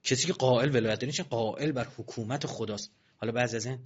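A man giving a religious sermon in colloquial, animated speech with mocking asides. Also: medium pitch, breathy edge. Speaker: preacher. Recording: dull lo-fi recording.

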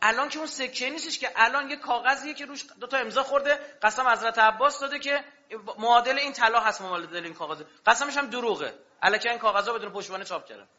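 A man's voice: extremely high pitch, pushed and bright. A man preaching a sermon with passion, throwing rhetorical questions at his audience. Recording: dull lo-fi recording.

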